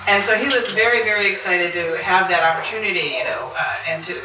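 Speaking quickly in a lowish voice, this middle-aged audio drama voice actor chats as a convention panelist, musing aloud conversationally. The live room is noisy and roomy, and the mic sits far away.

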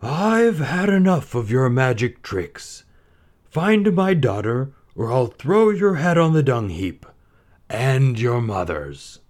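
A man voicing a hot-tempered old sultan in a storybook reading, with slow, booming threats. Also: sing-song, a little mellow. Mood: furious.

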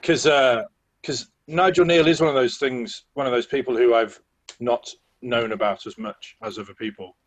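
A man talking haltingly and informally as a guest in a casual film discussion. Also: mid-range voice, poor audio. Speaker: podcast guest.

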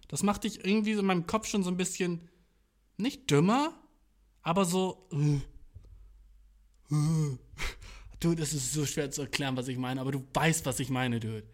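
A young man chatting casually as a podcast host, rambling in slangy, profane talk and acting out his inner voice. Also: on the high side. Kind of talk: casual chat.

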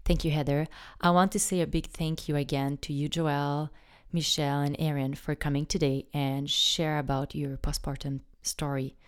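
A woman's voice: low voice, little pitch movement, normal speed, clear, resonant tone. A woman hosting a parenting podcast, welcoming guests and leading the conversation. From Canada. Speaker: podcast host.

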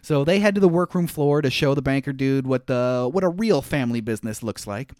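A man's voice: mid-range voice, expressive, fairly quick, darkish tone, no room sound, studio quality. A man co-hosting a podcast, chatting casually through a movie recap with loose rambling asides and easy laughter. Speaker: podcast co-host recapping a film.

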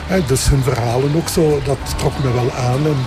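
Over music in the background, a Flemish man in his seventies answers interview questions as a parish priest, his Limburg accent marking him as from Belgian Limburg. His mid-range voice moves at a moderate pace, and he speaks hesitantly, often repeating himself.

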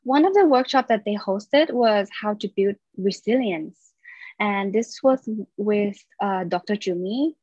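A woman's voice: medium pitch, lively intonation, a little slow, a little mellow, no echo. A woman in her twenties, originally from Thailand, chatting as a podcast guest in an upbeat, talkative way. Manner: chatty and upbeat, laughs between stories. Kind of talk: casual interview chat. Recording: slightly dull dry sound.

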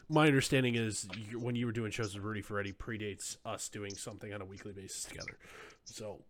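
A man co-hosting a casual podcast, arguing his points in a measured way with frequent thinking pauses. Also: on the low side, fairly even intonation, very noisy. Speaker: podcast co-host.

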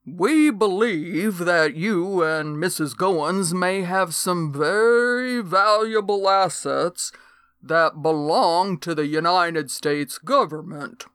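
A woman voicing a calm, blank-faced male federal agent in an audiobook, speaking in a steady drawl. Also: fairly low pitch, clear, resonant tone, dry recording. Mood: businesslike. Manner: slow, steady drawl with "y'all". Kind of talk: audiobook character voice.

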